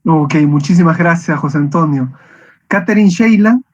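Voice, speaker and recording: A man with a rather high voice, speaking at normal speed, teaches an online class. He calls on students by name and thanks each one with brief, polite acknowledgements. The video call audio sounds muffled.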